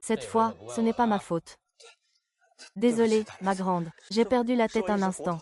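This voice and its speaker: A woman's voice: fairly high pitch, unhurried, natural voice. A woman dubbing dialogue for a family drama with an emotional delivery. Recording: loud crowd noise behind.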